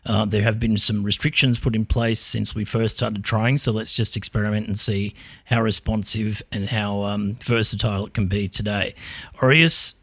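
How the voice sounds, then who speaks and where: A man hosting a casual tech podcast, talking in a relaxed, probing way with frequent ums as he quizzes an AI. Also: on the low side, normal speed, dry recording. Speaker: podcast host.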